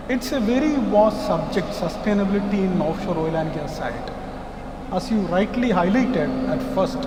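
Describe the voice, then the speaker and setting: A man speaking as a panelist at a panel discussion, formal and addressing the audience. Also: sits high. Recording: roomy hall, noise, away from mic.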